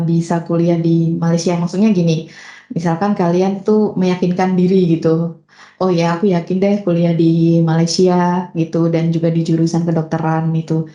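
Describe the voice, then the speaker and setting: A young woman hosts a podcast interview, her somewhat low voice warm in tone. She chats casually and fills her speech with fillers and "gitu ya," and the audio sounds roomy and dull.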